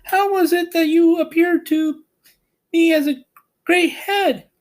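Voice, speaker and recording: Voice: very high voice, steady tone, takes it slowly, pitched above the performer's own voice. A man voicing a curious, earnest young farm girl in a storybook reading. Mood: puzzled. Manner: earnest, questioning.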